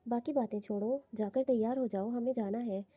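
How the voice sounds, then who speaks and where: A woman's voice: fairly high pitch, steady tone, dark tone, breathy edge, no room sound. A woman voicing a teasing, romantic young husband in a coaxing, playful way. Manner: coaxing, playful, lightly reading.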